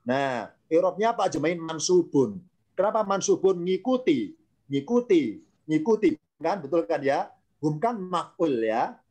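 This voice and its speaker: A man's voice: a little high, sing-song, unhurried, darkish tone. A man teaching an online grammar class, explaining patiently, repeating key terms and quizzing his students.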